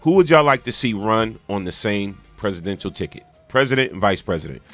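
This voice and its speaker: A man works as a morning radio DJ on a call-in show, with music playing faintly underneath. His talk is loose and informal, with repeated phrases and friendly shout-out patter, at an ordinary male pitch on the low side. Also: animated, brisk. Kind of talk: morning radio DJ chat, casual call-in hosting.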